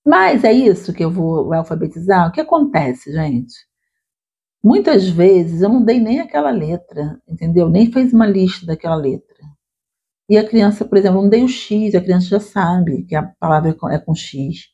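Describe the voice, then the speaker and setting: A woman literacy teacher explaining classroom activities to other teachers in a conversational way, checking in often with quick tag questions. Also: lowish voice, animated, dark tone, husky. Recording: dull lo-fi recording.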